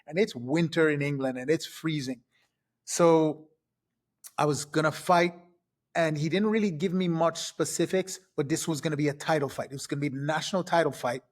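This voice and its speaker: A man in his fifties from Trinidad, a podcast guest telling his past in a casual, lively way, step by step. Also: on the high side, normal speed. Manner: lively, recounts events step by step. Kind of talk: casual storytelling.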